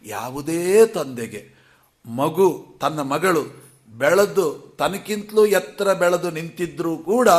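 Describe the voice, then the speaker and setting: A man with a Kannada accent giving a devotional scripture discourse, putting questions to his listeners and answering them himself, now and then chanting verses. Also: fairly high pitch. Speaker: scripture lecturer.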